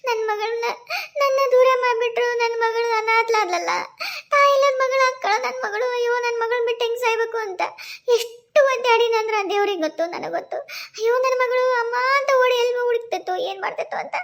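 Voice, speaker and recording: A woman's voice: very high voice, quick pace, a bit bright. A woman voicing a tearful young mother in a cartoon, speaking with a North Karnataka accent in an emotional, sobbing way. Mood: sobbing relief. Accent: North Karnataka Kannada. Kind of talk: cartoon voice acting.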